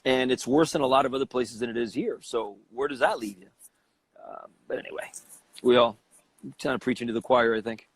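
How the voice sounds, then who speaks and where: A man's voice: medium pitch, fairly quick, breathy edge, dry recording. A man from Cuba, a cigar company president, talking as an interview guest in a confident, persuasive way.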